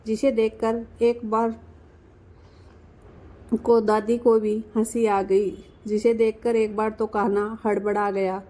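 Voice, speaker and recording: A young adult woman narrating a family story in a gentle, measured storybook manner. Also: mid-range voice, poor audio.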